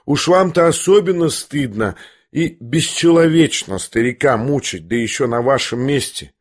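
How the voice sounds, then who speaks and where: A man's voice: mid-range voice, animated, moderate pace, close to an everyday voice. A man voicing a distressed older mother who speaks in a pleading, reproachful tone.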